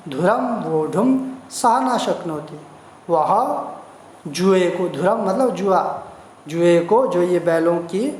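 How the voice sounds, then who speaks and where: A Sanskrit teacher reading a text line by line, glossing each word slowly and repeating the meanings, in a roomy recording with a faint hiss. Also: mid-range voice. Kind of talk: line-by-line translation lesson. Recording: roomy echo, faint noise.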